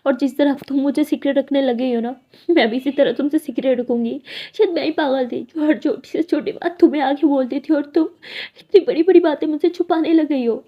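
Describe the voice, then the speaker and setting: A woman's voice: high-pitched, a little fast, close to an everyday voice. A woman voicing a hurt, defiant teenage schoolgirl who answers back sulkily. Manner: defiant, sulky. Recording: dull lo-fi recording.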